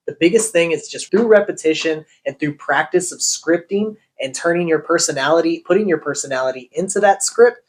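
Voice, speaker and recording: A man, a real estate agent, giving sales training on cold calling and acting out call lines as he explains. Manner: acts out call lines with shifting pitch.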